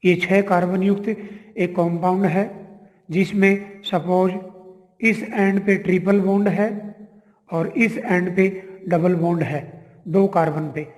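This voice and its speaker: Male teacher, high and unhurried, step-by-step chemistry lesson, roomy reverberant recording. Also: fairly even intonation. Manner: counts carbons aloud one by one, explaining patiently. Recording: echoey room with long reverb.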